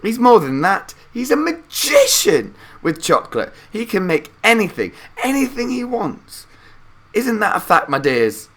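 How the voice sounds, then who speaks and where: A man voicing an excitable, adoring grandfather in his nineties in a children's story, with emphatic delivery. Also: high-pitched, a little slow, voice pushed up, full character voice. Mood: excited. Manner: emphatic, exclamatory.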